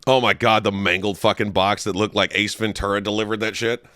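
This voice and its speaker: A man's voice: lowish voice, little pitch movement, brisk, dry recording. Brief: male podcast co-host, swearing comedic rants, dry close sound. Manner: loud, swearing, laughing rants. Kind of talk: profane comedic banter.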